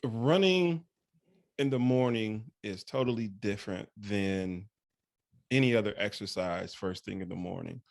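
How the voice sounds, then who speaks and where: A man with a fairly low voice hosts a casual interview, recorded dry with little room sound. He keeps affirming his guest with quick "right"s, and his questions ramble loosely before they land. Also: gravelly, no echo. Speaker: podcast host.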